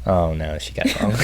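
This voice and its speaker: A man with a Southern accent co-hosting a casual trivia livestream, chatty and enthusiastic, often trailing off and restarting. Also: medium pitch. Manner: enthusiastic, rambling, self-interrupting. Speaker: trivia show co-host.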